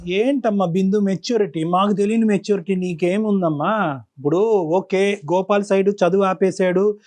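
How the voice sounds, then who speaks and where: A man's voice: high voice, normal speed, a little mellow, slight background noise. Questioning male counselor host. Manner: probing, questioning, moralizing. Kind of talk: talk show counseling.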